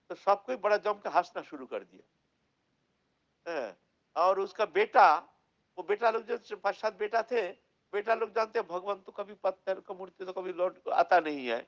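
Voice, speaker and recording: Gravelly man telling a devotional story. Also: sits high, a little slow, long pauses, dull audio. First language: Bengali. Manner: animated, repetitive, asks listeners questions. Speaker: religious storyteller.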